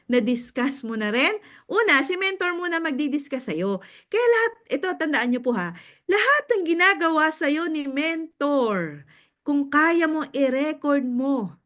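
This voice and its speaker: Filipino woman mentor, high voice, animated talk to a group with frequent laughs. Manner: animated storyteller, laughs often, checks in with listeners. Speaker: business mentor.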